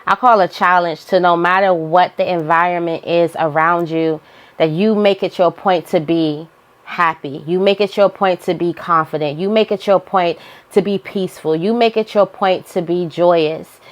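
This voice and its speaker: A woman's voice: fairly low pitch, steady tone, normal speed. A woman giving an informal, motivational spiritual monologue, repeating phrases for emphasis as she guides listeners. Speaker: spiritual guidance host.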